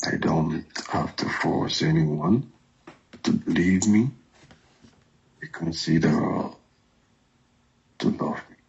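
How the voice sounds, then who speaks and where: A man speaking through a voice changer on a call, defensive and halting as he pleads his case. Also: darkish tone. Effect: voice changer, unnaturally deep and gravelly. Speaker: caller in an online romance. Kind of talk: phone call. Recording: dull lo-fi call audio.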